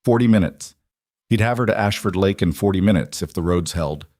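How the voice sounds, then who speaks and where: A man reading a scripted story in a calm, measured, soft-spoken way. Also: low-pitched, dry recording, studio quality.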